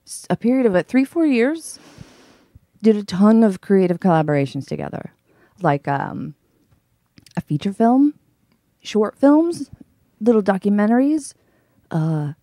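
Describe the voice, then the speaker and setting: A woman's voice: medium pitch, dark tone, no echo, studio quality. A woman hosting a livestream in casual, bantering chat, playful and emphatic, rambling as she goes. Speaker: livestream host.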